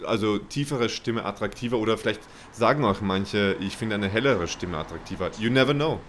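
A man's voice: on the low side, a little fast, a bit bright, slight background noise. A man hosting a podcast in casual chat, teasing his guest with laid-back banter. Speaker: podcast host. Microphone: own microphone.

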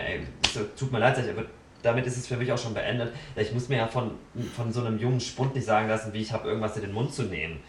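A podcast guest tells stories in casual chat, bluntly and dramatically, acting out quotes. His voice is fairly low, and he's recorded from a distance, off the mic, giving a roomy sound with faint noise.

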